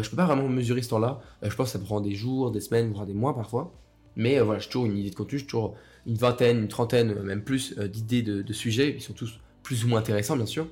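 Young guy with a cold, scratchy voice, talks quick and low, lots of restarts. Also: darkish tone. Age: young adult. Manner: rambling, many fillers and restarts. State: hoarse from a cold. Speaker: podcast host. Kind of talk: casual solo podcast.

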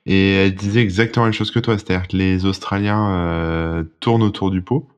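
A man with an extremely low, deep voice hosts a podcast in a relaxed chatty way. He jumps in with short encouraging remarks and prompts his guest along. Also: fairly quick, clean tone. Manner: brief encouraging backchannels, laughs often. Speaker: podcast host. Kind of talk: casual interview chat.

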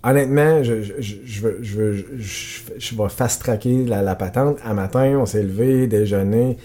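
A man with a Quebec French accent co-hosting a podcast, telling a story in casual, animated chat, with stammered restarts and English words mixed in. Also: fairly low pitch, moderate pace. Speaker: podcast co-host.

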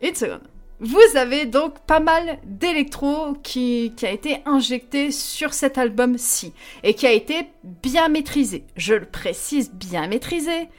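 A woman's voice: high-pitched, unhurried. A woman co-hosting a casual podcast, reviewing music with playful enthusiasm and frequent laughs.

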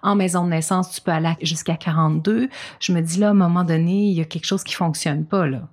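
Low-voiced Québécois woman hosting. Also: steady tone, quick pace, darkish tone. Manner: engaged, affirming interviewer who adds context. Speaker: podcast host. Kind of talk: conversational interview.

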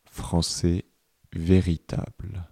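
A man reading a dictation aloud, deliberately repeating each phrase and speaking the punctuation marks. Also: low-pitched, little pitch movement, vocal fry, mellow, breathy edge, dry recording, clean studio sound. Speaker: dictation reader.

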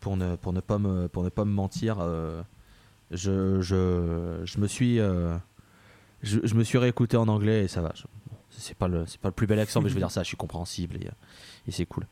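A man's voice: low voice, steady tone, fairly quick, warm tone, no room sound. A man from France interviewing on a podcast, joking loosely and swearing casually.

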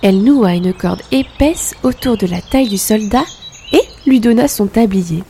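A woman telling a fairy tale in calm, expressive scripted narration. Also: mid-range voice, normal speed, a little hiss or hum. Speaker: storyteller.

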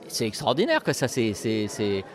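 A man's voice: lowish voice, wildly swooping pitch, moderate pace. A male interviewer asks long, winding questions of a musician. He stumbles over his words, repeats himself and circles back before landing on his point.

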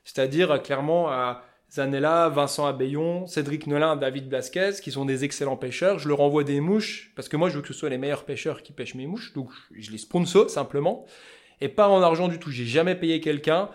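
Loud passionate man with a Vosges accent. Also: fairly high pitch, brisk. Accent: Vosges French. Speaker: fly-tying business owner, guest. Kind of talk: casual interview chat.

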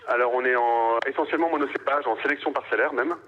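A man's voice: medium pitch, quick pace. A man from Paris, a winemaker guest answering radio interview questions, hesitant with many fillers and restarts. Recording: dull radio sound.

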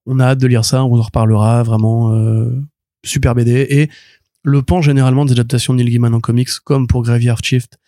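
A man chatting on a comics podcast, full of restarts and "euh" fillers. He speaks quickly, with a mellow, warm tone. The recording is dry and close. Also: medium pitch, little pitch movement, no echo. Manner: rambling, many restarts and fillers, enthusiastic. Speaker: podcast co-host. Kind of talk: casual chat reviewing comics.

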